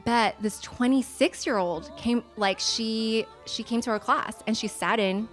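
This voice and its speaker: A woman's voice: on the high side, unhurried, fairly bright tone, faint music behind. A woman in her twenties from the United States, a guest in a casual chat, speaking in an earnest, reflective and encouraging way. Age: 20s.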